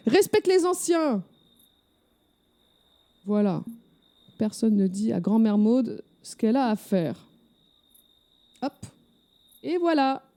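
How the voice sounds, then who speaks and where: A woman's voice: medium pitch, expressive, slow, long pauses, dark tone. A woman voicing a feisty, bossy old grandmother who scolds and demands respect, in an improvised game role-play. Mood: indignant.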